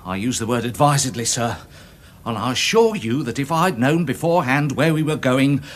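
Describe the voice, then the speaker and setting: In a radio drama, a male actor plays a respectable little Englishman giving evidence, prim, hesitant and stammering, with a sheepish, confessional mood. His natural voice is medium-pitched with lively intonation and a moderate pace, and there's a little hiss or hum.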